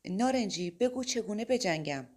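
A woman's voice: lowish voice, gravelly, a little mellow. A woman voicing an anxious young man, a reluctant warrior of light, in an audiobook, with an urgent, raised, pleading delivery. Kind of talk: audiobook character voice.

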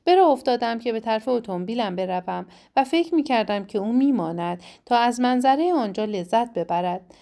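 Woman, audiobook narrator, first-person story, measured reading, fairly high voice. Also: warm tone.

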